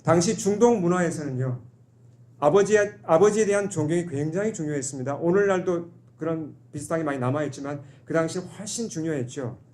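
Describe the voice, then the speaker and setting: Man, pastor, sermon, fairly high voice, asks questions, acts out quoted lines. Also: brisk, a little mellow. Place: church.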